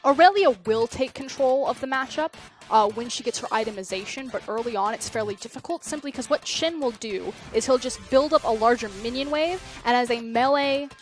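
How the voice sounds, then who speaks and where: Chatty, slightly high-voiced woman caster. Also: fairly quick, faint music behind. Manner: chatty, acts out players with mock quotes. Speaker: esports caster. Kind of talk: esports analysis commentary.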